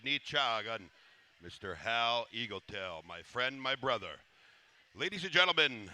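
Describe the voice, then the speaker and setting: Male ceremonial MC, formal and reverent live announcer, resonant and forceful delivery. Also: medium pitch, clear, resonant tone, dry recording. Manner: formal, reverent, measured phrasing. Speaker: powwow master of ceremonies.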